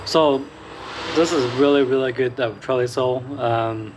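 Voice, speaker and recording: A man in a casual home-meal vlog, speaking at an ordinary middle pitch. His talk stops and starts, filled with ums and uhs. There is a faint hum of background ambience. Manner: halting, full of ums and uhs. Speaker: fishing channel host. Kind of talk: casual chat while eating.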